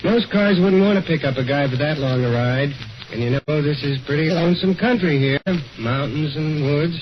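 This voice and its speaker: A man's voice: fairly high pitch, moderate pace. An actor playing a chatty, folksy male gas station attendant, heard on an old 1940s radio broadcast recording. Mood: friendly. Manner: folksy, talkative. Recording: dull lo-fi 1940s broadcast with hiss.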